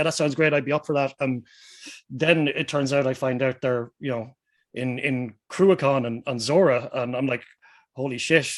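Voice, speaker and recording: A man from Westmeath with an Irish accent, telling things casually as a musician guest, informal and self-deprecating. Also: mid-range voice. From Westmeath, Ireland. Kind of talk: casual anecdotal chat.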